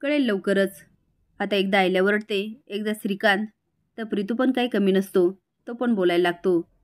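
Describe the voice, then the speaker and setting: A woman narrating a recap of a TV serial episode in a brisk, dramatic storytelling style. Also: mid-range voice, steady tone.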